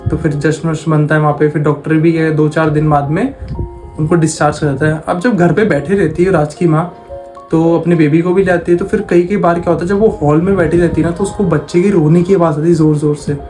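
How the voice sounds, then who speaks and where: A man's voice: a little high, fairly even intonation, fast, darkish tone, soft background music. A man casually telling a horror story, talking in a conversational way and repeating phrases for emphasis.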